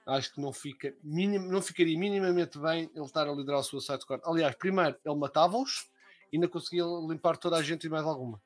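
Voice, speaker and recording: A man's voice: on the high side, fast talker. A young man with a European Portuguese accent chatting casually as a live stream co-host, slangy and full of swearing.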